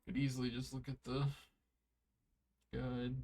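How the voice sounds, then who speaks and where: Sleepy guy chatting while he plays an online rpg, says "like" a lot, mid-pitched voice. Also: completely flat delivery, measured pace, a little mellow. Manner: laid-back, rambling, heavy use of "like". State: tired, yawning. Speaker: streamer playing an online RPG. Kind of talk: casual gameplay commentary.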